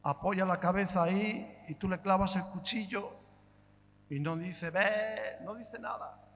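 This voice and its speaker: Male pastor, high and bright delivery, fervent sermon style with sudden loud and soft turns, long church-hall reverb. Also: fairly even intonation, measured pace. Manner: impassioned, rhetorical questions, swings between loud and hushed. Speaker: preacher.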